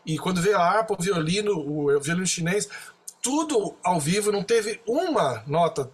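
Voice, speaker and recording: Brazilian percussionist guest, Brazilian Portuguese accent, high husky voice, animated storyteller. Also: male voice, normal speed. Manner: excited, animated anecdote telling with slangy asides. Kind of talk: storytelling in a podcast interview.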